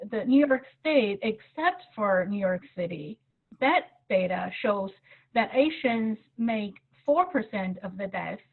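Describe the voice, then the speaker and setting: A woman reporter asking a question at a press briefing over a video call, halting and searching for words. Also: medium pitch, husky. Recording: tinny phone-like video call line.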